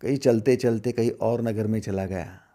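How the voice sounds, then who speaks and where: A middle-aged man giving a spiritual discourse as a teacher, asking rhetorical questions and swinging between loud emphasis and hushed asides. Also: on the low side, normal speed.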